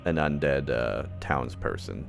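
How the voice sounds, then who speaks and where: Man, game master, very deep voice, gravelly, laid-back, hesitant, music behind. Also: a little slow. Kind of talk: running a tabletop game session.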